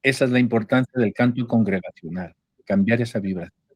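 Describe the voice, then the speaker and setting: A middle-aged man from leads a spiritual class, preaching in an emphatic, unhurried way. His voice sits at a medium pitch for a man. The recording is dry and close, with almost no room echo. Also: darkish tone, slightly rough. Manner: slow, emphatic preaching with humor. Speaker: spiritual teacher.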